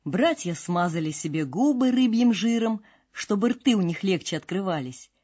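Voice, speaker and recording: Husky woman reading a fairy tale. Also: mid-range voice, normal speed. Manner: expressive, storybook delivery. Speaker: narrator. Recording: dull lo-fi with faint music.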